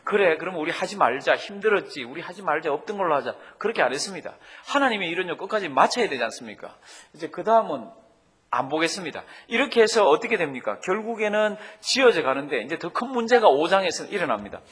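A male pastor delivers a sermon in a husky, slightly raised voice. His pitch swings widely as he keeps asking the congregation questions. His delivery stays animated throughout. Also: fast.

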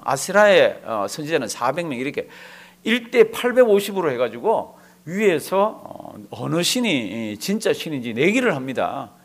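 A male pastor preaching a sermon to a congregation in a church, animated and full of rhetorical questions. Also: a little high. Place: church before a live congregation.

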